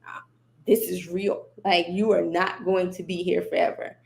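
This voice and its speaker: A woman guest on a podcast, telling her story in casual conversation, animated and laughing often as she quotes herself and others. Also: fairly low pitch, moderate pace, gravelly.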